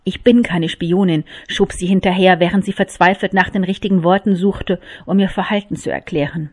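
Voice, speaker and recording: A woman reading a novel aloud, in measured, expressive storytelling. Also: fairly low pitch, no echo, clean studio sound. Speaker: audiobook reader.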